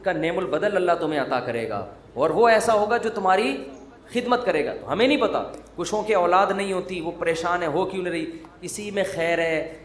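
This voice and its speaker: With a high, expressive voice, a male Islamic preacher delivers a humorous sermon, joking and teasing in a conversational manner. The recording has a roomy echo.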